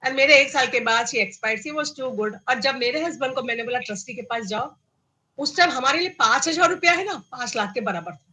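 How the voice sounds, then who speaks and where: A middle-aged woman with an Indian accent recounts her own story, her voice bright and forceful. She sits a little above the usual pitch for a woman and tells it in an animated way, slipping into English phrases as she goes. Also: normal speed, low-quality recording. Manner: animated, acts out quoted dialogue, mixes in English phrases. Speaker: cancer survivor guest. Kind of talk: personal storytelling.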